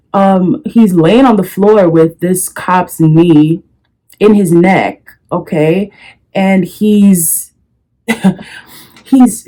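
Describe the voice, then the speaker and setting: A woman's voice: medium pitch, warm tone. A young woman chatting casually to viewers while doing her makeup, calling them girl and child. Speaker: beauty vlogger. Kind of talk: casual makeup tutorial chat. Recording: faint music under voice. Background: faint background music.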